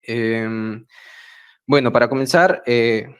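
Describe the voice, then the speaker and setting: A man from Peru's central Andes with a Peruvian Spanish accent, giving a measured prepared talk at an online meeting, pausing often with hesitant fillers. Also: mid-range voice, a bit bright, smooth. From Peru, central Andes. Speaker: speaker at an online project meeting. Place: home, remote video call. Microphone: video call mic.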